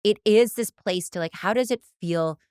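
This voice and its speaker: A woman's voice: mid-range voice, moderate pace, a little mellow, clean tone, dry recording. A woman co-founder of a fitness studio, talking in a casual, reflective way with many fillers. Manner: reflective, speaks in long flowing thoughts with many "like" fillers. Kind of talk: casual conversation.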